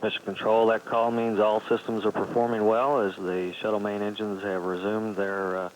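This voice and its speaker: A man giving measured, clipped technical flight commentary in mission control radio style. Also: lowish voice, level tone. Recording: noisy archival mission control radio feed.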